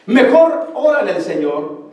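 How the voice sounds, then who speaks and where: A pastor with a very high voice preaches a sermon, urging his congregation on and hammering the same points. He sounds far from the mic in a heavily echoing hall. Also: very animated, unhurried, a little mellow. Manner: repetitive, exhorting, addressing the congregation.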